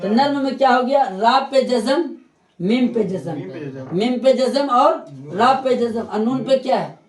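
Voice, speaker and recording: Teaching grammar at a board, this male teacher repeats terms and quizzes his students at a measured pace. His voice is extremely high, and the classroom gives off an echo.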